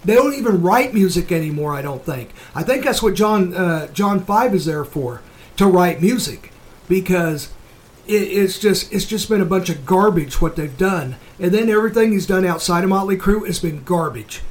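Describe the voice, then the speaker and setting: A man with a notably high-pitched voice hosts a casual talk show. He delivers opinionated commentary bluntly and emphatically, swearing freely as he goes. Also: expressive, moderate pace. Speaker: show host.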